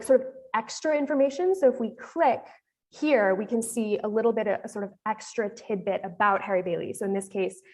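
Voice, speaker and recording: A woman's voice: mid-range voice, a little mellow. A woman with an American accent giving a casual, explanatory live demo presentation on a panel, talking with frequent fillers.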